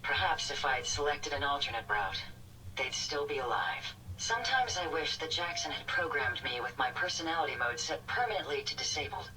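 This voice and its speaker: A polite apologetic robot. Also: male voice, on the high side, animated, brisk, sharp tone, recorded from a distance, a little hiss or hum, low-quality recording. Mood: formal. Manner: courteous, apologetic, formal. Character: polite regretful robot companion.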